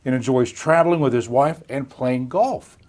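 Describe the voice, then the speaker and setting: In a live online health chat he hosts, a middle-aged man speaks in a mid-range, slightly mellow voice at a moderate pace. His talk is chatty and folksy, with frequent laughs and restarts.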